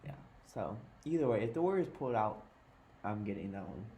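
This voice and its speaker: A man's voice: lowish voice, very animated, brisk, warm tone, slight background noise. Man in playful sports banter. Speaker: podcast co-host. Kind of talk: casual sports chat. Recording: roomy echoey room.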